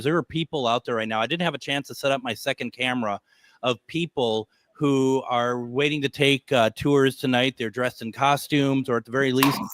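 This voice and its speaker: A man hosting a live radio show in casual chat, speaking haltingly and repeating words as he goes. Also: mid-range voice, fairly bright tone, no room sound.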